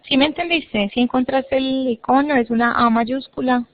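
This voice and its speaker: A woman with a fairly high voice leads an online English lesson, patiently walking students through each step and repeating words. The sound is dry and muffled, like a video call. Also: steady tone, normal speed, dry recording. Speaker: English teacher. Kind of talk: online class instruction.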